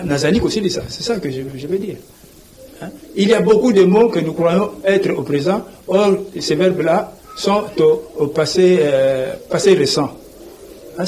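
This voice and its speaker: Didactic professor, slightly high voice. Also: male voice, moderate pace, darkish tone, a little hiss or hum, poor audio. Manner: didactic, repeats "vous voyez", spells out letters. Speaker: guest, language professor. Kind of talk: TV interview, explaining.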